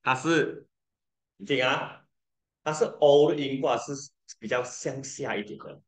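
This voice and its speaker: Man, pronunciation tutor, slow patient delivery, drawn-out vowels, echoey room. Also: medium pitch. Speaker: English pronunciation teacher. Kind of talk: tutoring lesson, mixing Mandarin and English.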